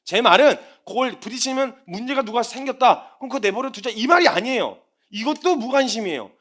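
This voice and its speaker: Lively, quick-talking male preacher. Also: very high voice. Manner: animated, acts out everyday scenes. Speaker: missionary preacher. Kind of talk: sermon.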